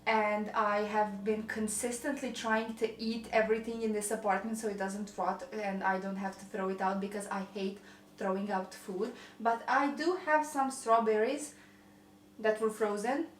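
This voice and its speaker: A young Croatian-accented vlogger makes casual, slightly rambling conversation while baking at home, often laughing at her own expense. She speaks at normal speed in a medium pitch with a steady tone, though the poor audio carries room echo and slight background noise.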